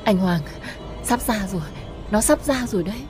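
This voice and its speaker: A man's voice: high-pitched, normal speed, big-room sound, over music, pitched above the performer's own voice, lightly acted. A man doing a wailing young woman's ghost. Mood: pleading. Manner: pleading, eerie wailing.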